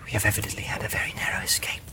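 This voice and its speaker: A grave, wary hobbit who keeps to a careful whisper, read by a man in an audiobook. The voice stays soft and breathy throughout. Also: very fast, lightly acted, low-quality recording. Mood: hushed. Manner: hushed whispering.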